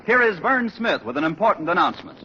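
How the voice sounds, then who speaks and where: A man's voice: high voice, sing-song, fast, sharp tone, slight background noise. A man announcing a show and its sponsor in an emphatic, polished 1940s radio style on a muffled old broadcast.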